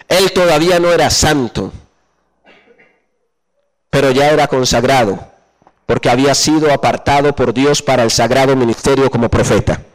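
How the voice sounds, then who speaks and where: High-voiced preacher quizzing his congregation. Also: poor audio. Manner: asks the congregation questions and pauses for answers; slows down and drops low on key phrases. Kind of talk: sermon.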